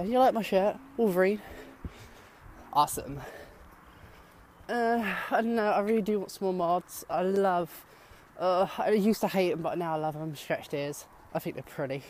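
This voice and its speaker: A man's voice: high voice, a little mellow. Young guy rambling to his camera on a walk, chatty and upbeat, wind and road noise behind him. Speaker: vlogger. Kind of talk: casual walking vlog. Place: outdoors walking by fields on a sunny day.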